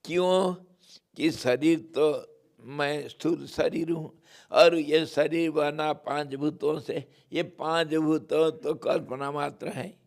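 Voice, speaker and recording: A man giving a spiritual discourse as a swami, explaining in a deliberate, playfully teasing way. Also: fairly high pitch, steady tone. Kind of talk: devotional sermon with storytelling.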